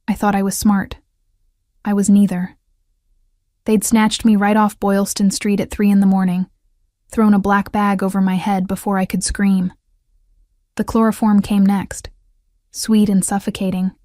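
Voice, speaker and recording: A woman storyteller reading a dark romance story in the first person with a measured, steady delivery. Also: medium pitch, no echo, studio quality.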